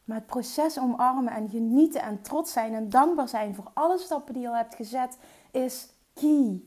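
A woman's voice: fairly high pitch, normal speed, warm tone. A woman entrepreneur giving an earnest motivational coaching talk, mixing in English phrases and sometimes dropping to a whisper. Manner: mixes English phrases into her speech.

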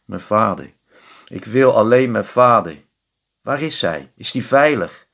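A man's voice: on the low side, expressive, unhurried, vocal fry, a bit bright, full character voice. A man voicing an earnest young girl. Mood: pleading. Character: brave young red-haired girl, loving daughter.

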